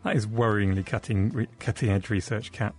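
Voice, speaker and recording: A man's voice: fairly low pitch, fairly even intonation, a little fast. A man presenting on a science radio show, informally introducing a hands-on demonstration.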